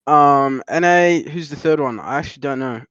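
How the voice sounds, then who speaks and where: A man guesting on a podcast in casual chat, animated and opinionated. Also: a little high, moderate pace, muffled recording, a crowd in the background.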